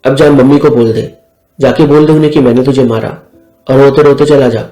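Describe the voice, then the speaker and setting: A man's voice: medium pitch, steady tone, a little fast, dark tone, lightly acted. A man voicing a bossy, fiery young woman who scolds and threatens her younger brother, in an echoey room with faint music. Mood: scolding.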